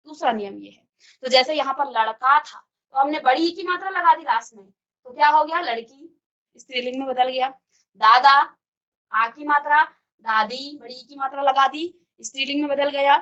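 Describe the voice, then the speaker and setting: High bright lady teacher walking thru grammar rules, asks then answers herself, kinda dull lo-fi sound. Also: moderate pace. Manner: explains step by step, often asks and answers her own questions. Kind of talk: classroom grammar lesson. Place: virtual classroom studio.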